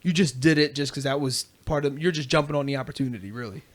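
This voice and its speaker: A man's voice: medium pitch, fast. A man hosting a podcast in casual chat, telling stories with energy and acting out quotes. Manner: animated storyteller, acts out quotes. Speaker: podcast host.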